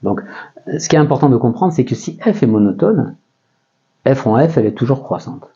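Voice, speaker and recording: A man's voice: mid-range voice, lively intonation, fairly quick, dark tone, muffled recording. A man with a French accent teaching a math lesson in a casual way, thinking aloud with many fillers and often checking that his listeners follow.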